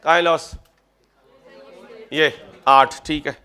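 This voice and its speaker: A male accounting lecturer with a fairly high voice. He talks in a chatty, teasing way, slipping from funny personal stories into working through examples with his students. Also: steady tone, slow pace, bright, forceful tone, clean tone, a faint crowd. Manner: chatty, joking, addresses students as kids. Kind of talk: classroom lecture with personal anecdotes.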